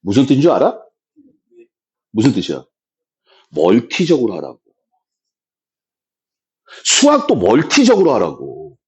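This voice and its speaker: A man teaching math to students, speaking bluntly and roughly, swinging between loud emphasis and low muttered asides. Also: wildly swooping pitch, unhurried, pauses often. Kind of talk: classroom lecture.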